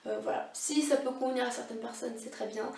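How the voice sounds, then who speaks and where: Recorded in an echoey room with her voice somewhat distant from the mic, a young beauty vlogger hesitantly reviews makeup brushes, peppering her speech with fillers and restarts. She sounds a little high, creaky and darkish, speaking fairly quickly.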